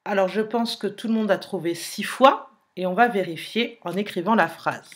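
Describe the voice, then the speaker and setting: A woman teacher, slowly dictating a sentence and spelling out letters in a phonics lesson. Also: mid-range voice, slightly rough. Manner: slow, careful dictation, repeating and spelling letters aloud.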